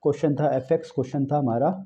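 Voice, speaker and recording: A young man giving an animated exam-prep math lecture, repeating key phrases and talking to students as friends. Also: fairly high pitch, fast talker, dull audio. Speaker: math teacher.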